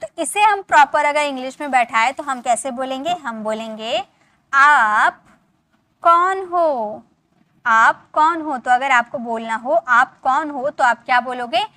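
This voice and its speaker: A woman's voice: high voice, normal speed, hardly any pauses, a bit bright, no room sound. A woman teaching beginner English, patiently spelling out words, repeating pronunciations and quizzing the viewer. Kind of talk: spoken English lesson explained in Hindi.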